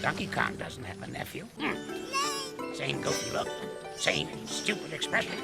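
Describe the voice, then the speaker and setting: A man's voice: mid-range voice, huge pitch swings, normal speed, gravelly, full character voice. An actor playing a cranky, boastful old male ape in a cartoon, who blusters, hurls goofy insults and mutters to himself. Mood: panicky. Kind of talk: cartoon voice acting. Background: cartoon music and sound effects.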